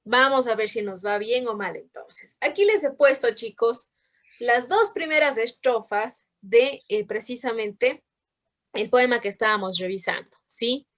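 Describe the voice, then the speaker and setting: A woman's voice: a little high, a little slow, a bit bright, dry recording. A woman teaching a literature class over a video call, patient and asking questions often. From Ecuador. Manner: patient, checks in with frequent questions. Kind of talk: online class lesson.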